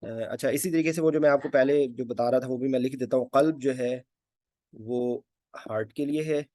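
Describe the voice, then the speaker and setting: A man's voice: medium pitch, moderate pace, a little mellow, no echo, clean studio sound. A man giving an informal spoken lesson. He hesitates often, uses many fillers, and repeats key words. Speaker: anesthesia teacher.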